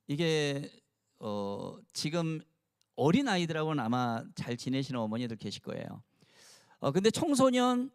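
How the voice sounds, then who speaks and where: A pastor in his sixties preaching to mothers in a church, playful and having the audience repeat phrases after him. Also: on the high side. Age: 60s. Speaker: pastor and longtime teacher. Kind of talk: sermon to a mothers' gathering. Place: church, before a live audience.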